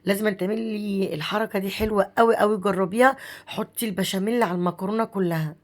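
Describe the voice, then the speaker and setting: A woman in her thirties with an Egyptian Arabic accent, hoarse from a cold, chatting warmly to viewers as she walks through a home recipe. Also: medium pitch, steady tone, quick pace. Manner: chatty, affectionate, addresses viewers as sister. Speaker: home cooking vlogger. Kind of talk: casual cooking narration.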